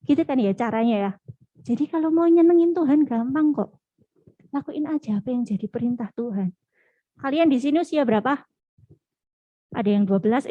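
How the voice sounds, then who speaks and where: A woman's voice: a little high, dry recording, muffled recording. Chatty young woman preaching. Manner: chatty, acts out quoted dialogue in lively voices. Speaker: youth preacher. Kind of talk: casual youth sermon.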